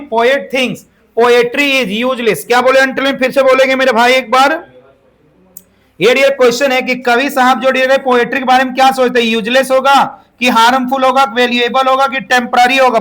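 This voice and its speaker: A man's voice: extremely high pitch, a bit bright. A middle-aged man giving a classroom lecture, repeatedly asking his students questions and drawing out words. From India. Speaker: English teacher.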